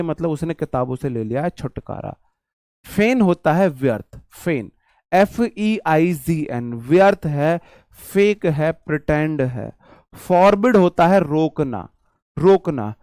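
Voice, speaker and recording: Brisk Hindi-speaking teacher, dry close sound. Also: male voice, on the high side, animated, a little mellow, no echo. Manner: explains with repetition and memory tricks, addresses viewers as brother. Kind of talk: online vocabulary class.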